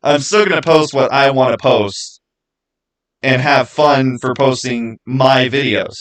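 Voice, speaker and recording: A YouTube creator and livestream host chats casually with his viewers from a small indoor home studio. His voice is mid-range and a bit bright, and he speaks a little slowly, rambling and repeating words for emphasis.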